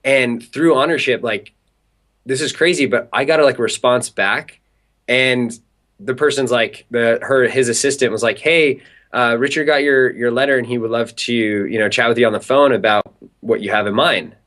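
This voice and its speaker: A man's voice: medium pitch, moderate pace, a bit bright. Young man telling a story. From Southern California. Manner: chatty, peppered with "like" fillers. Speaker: interview guest. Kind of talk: animated storytelling in an interview.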